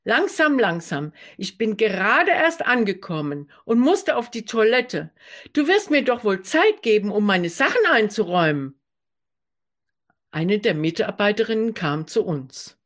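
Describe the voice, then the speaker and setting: A woman reading a first-person story aloud and raising her voice for the people she quotes. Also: mid-range voice. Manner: slow, lively reading, raises her voice for quoted speech. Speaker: narrator reading her own memoir.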